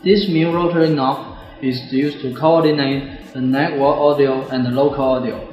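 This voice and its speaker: A man in his twenties gives a scripted product demonstration in a steady, darkish mid-range voice at a moderate pace. He is in a bare indoor office or classroom, and the very echoey room has music playing behind him.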